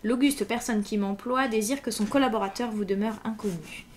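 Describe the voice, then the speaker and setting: A woman's voice: medium pitch, a little fast, slight background noise, natural voice. A woman reading aloud in French, voicing a stern, secretive nobleman in a formal tone, in her own plain voice. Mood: grave. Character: imposing, secretive masked nobleman, stern and grave.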